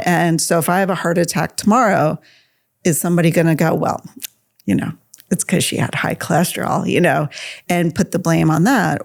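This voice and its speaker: A woman's gravelly, fry-edged voice carries an earnest, conversational tone. She talks plainly and directly, as a guest in an interview. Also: on the low side.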